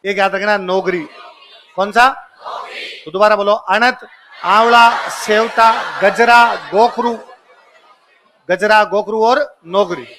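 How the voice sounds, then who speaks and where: High, bright-voiced Rajasthani male teacher. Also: steady tone, some chatter behind, slight background noise. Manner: quizzing a class with rapid repetition and call-and-response lists. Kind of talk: exam coaching lecture.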